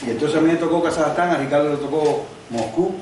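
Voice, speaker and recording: A man's voice: a little high, fast, a little mellow. Older man lecturing in an echoey room. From Cuba. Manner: conversational, explains with examples and asides. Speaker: guest lecturer. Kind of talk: university lecture. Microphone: no microphone, distant recording. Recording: very echoey room, distant mic, faint noise.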